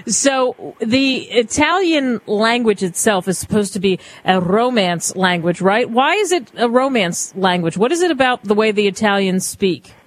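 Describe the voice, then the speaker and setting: A radio host from the Philadelphia area, chatty and quick, asking questions with laughing asides in a casual interview. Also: mid-range voice, lively intonation, rough recording.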